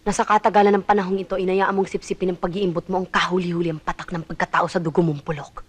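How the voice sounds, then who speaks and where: A woman's voice: on the low side, flat delivery, fast talker, slightly rough. An actress playing an anguished mother fighting to keep her son, with intense, emotional delivery in a film drama. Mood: scornful.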